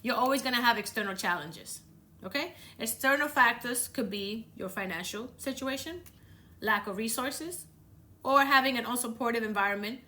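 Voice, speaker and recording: A Dominican woman with a Dominican accent hosts a motivational podcast, coaching listeners earnestly and often repeating words for emphasis. Her voice is on the high side, bright, and forceful.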